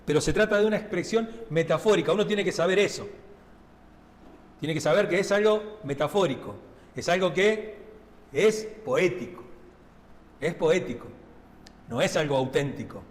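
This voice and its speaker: A man's voice: fairly high pitch, animated, moderate pace, pauses often, long reverb tail. A man with a Rioplatense Spanish accent preaching a sermon, talking to the congregation in a conversational way and often checking in with tag questions. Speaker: pastor. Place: church sanctuary.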